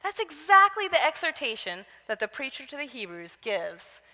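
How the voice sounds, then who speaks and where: A woman with a bright, forceful, fairly high voice delivers Bible teaching in a conversational way. She moves from personal stories to direct exhortations to the listeners. Her voice carries a long reverb from a large hall. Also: very animated, moderate pace. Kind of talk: conference Bible teaching talk.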